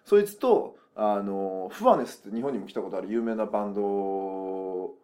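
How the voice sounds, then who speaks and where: A man telling stories as a musician guest in a casual chat, animated and rough-spoken, acting out what others said. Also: lowish voice, normal speed. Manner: animated, rough casual speech, acts out quotes.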